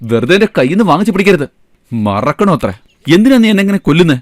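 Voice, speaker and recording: A man's voice: high voice, sing-song, racing, dry recording. A man dubbing a young shop owner who soothes his girlfriend, in film dialogue. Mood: coaxing. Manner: coaxing, soothing. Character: young male shop owner and lover, eager to please. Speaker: dub actor.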